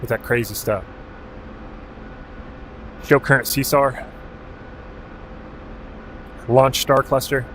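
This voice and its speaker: A man's voice: mid-range voice, steady tone, takes it slowly, long pauses, slight background noise, poor audio. A man from Alaska streaming a game, casually chatting with viewers and calling out commands, with the odd swear word. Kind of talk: casual live-stream chat while playing.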